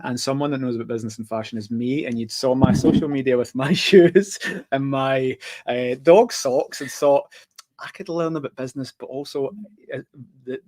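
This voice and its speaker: A Scottish man with a mid-range, slightly mellow voice hosts a podcast interview. Between questions he jokes with and teases his guest, keeping the casual chat full of self-deprecating banter and fillers.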